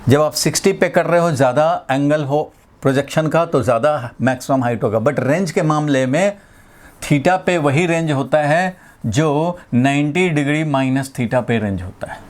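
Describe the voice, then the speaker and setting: A middle-aged man from India teaching a physics class, explaining slowly and repeating key points, with English terms mixed into his Hindi. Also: a little high. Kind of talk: classroom lecture.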